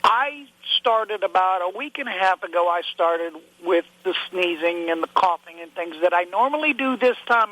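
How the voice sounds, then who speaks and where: A man phones in to a talk show, indignant and rambling, repeating himself while sounding congested and coughing. His voice sits high with a bright, forceful tone, captured dry with no echo on a low-quality recording.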